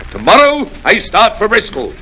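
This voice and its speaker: Squire Trelawney, a blustering, gravelly squire. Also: male voice, high-pitched, normal speed, a little hiss or hum, exaggerated voice, rough recording. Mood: excited. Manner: excitable, exclaiming, theatrical. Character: blustering, boastful middle-aged country squire. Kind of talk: 1930s radio drama acting.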